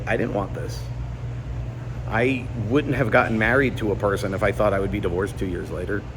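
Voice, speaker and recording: A man in his forties speaks to his audience in a candid personal vlog monologue, his voice sitting in a middle register. He sounds earnest and confiding, pushing hard on some points and dropping low and quiet on others. A faint air conditioning hum runs underneath. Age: 40s. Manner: earnest, confiding, swings from emphatic to subdued. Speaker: YouTuber. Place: indoor gym.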